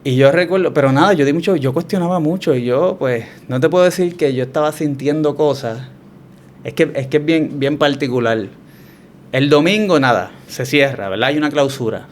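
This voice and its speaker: A man with a Puerto Rican Spanish accent, telling his story as a guest in a relaxed, reflective way with frequent restarts. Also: on the high side, moderate pace, a little hiss or hum. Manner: reflective, hesitant with many restarts. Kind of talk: conversational testimony.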